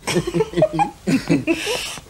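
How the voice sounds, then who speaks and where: A woman's voice: a little high, huge pitch swings, slow pace, slight background noise, exaggerated voice. An actress playing a coy young woman who giggles and whispers breathily. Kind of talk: period TV drama acting.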